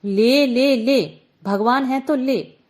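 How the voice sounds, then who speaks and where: Storybook figure: a woman playing a poor hunchbacked young woman, desperate and pleading, pitched a little high. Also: extremely slow. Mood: defiant. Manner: pleading, wailing and raised.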